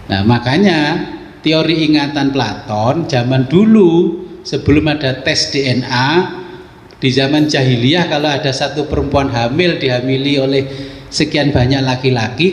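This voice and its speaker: A man teaching a religious kitab study, explaining in a casual, folksy way with rhetorical questions. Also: on the high side. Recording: echoey hall with faint ambience.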